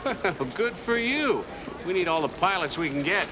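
Jovial army recruiter, slightly high voice, film scene with clear background noise. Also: male voice, very animated, moderate pace. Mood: wry, approving. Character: gruffly jovial male military recruiting officer.

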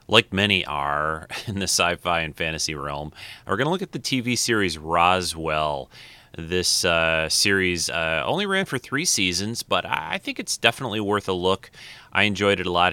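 Deep, bright-voiced American podcast host, male. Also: smooth, no echo. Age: middle-aged. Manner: rambling, halting, repeats words. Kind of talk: casual solo podcast chat.

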